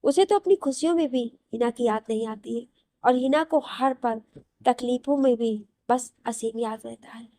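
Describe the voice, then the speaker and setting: A woman's voice: on the high side, moderate pace, warm tone, no room sound, clean studio sound. A woman narrating a romantic audio story with dramatic storytelling.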